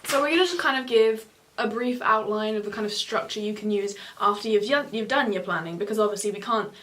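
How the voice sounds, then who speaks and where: A chatty young female student talks fast in a mid-range voice, sharing exam tips in a casual on-camera chat, gesturing animatedly and correcting herself. She's in a small room at home, recorded by a camera facing two seated speakers.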